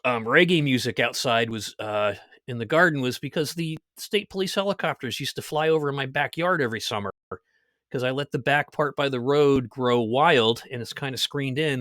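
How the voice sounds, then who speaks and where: A man hosting a podcast, telling stories in a lively casual way and laughing at his own jokes. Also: mid-range voice, no echo, studio quality. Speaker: podcast host. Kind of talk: casual chat.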